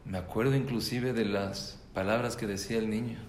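Performing the characters' voices and repeating words for emphasis, a man tells a story to a group of mothers. He speaks fairly quickly in a steady, lowish tone, with slight background noise and faint ambience in an echoey room.

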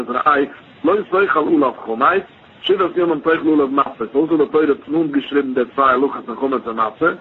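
A man giving a Talmud lesson, explaining in a chanting study cadence. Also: on the high side. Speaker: Talmud teacher. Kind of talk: Talmud lesson in Yiddish-tinged speech. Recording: tinny phone-line recording, faint hiss.

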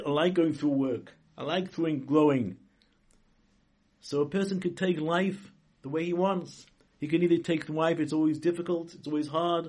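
Guy rabbi giving an informal sermon, kinda high voice, stops and restarts, stresses words hard. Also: a little mellow. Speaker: rabbi giving a religious talk. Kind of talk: informal sermon, inspirational religious lesson.

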